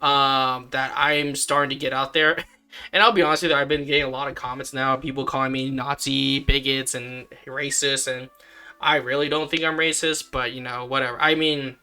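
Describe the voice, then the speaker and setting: A man talking in a casual commentary vlog, rambling with many fillers and sudden jumps up in pitch. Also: little pitch movement, moderate pace, sharp tone, clean tone. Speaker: vlogger.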